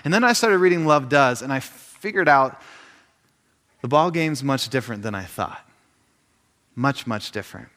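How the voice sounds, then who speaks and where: A man in his thirties giving an informal faith talk, telling stories with jokes and quick asides. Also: medium pitch, expressive, fairly bright tone, long reverb tail. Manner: joking, storytelling, lots of asides. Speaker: speaker at a faith gathering.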